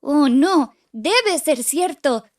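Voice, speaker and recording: A woman voicing an excitable male duck with a bouncy, exclamatory manner. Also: high voice, drawn-out words, pitched above the performer's own voice, exaggerated voice. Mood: excited.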